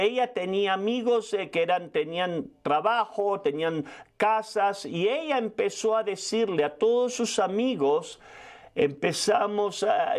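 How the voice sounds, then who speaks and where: Older male preacher, high voice, rapid testimony-style sermon with restarts. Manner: fast storytelling with frequent restarts.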